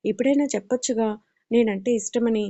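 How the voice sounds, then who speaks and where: A woman's voice: fairly high pitch, fast, warm tone, dull audio, close to an everyday voice. Earnest young man in love, read by a woman. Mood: tenderly earnest.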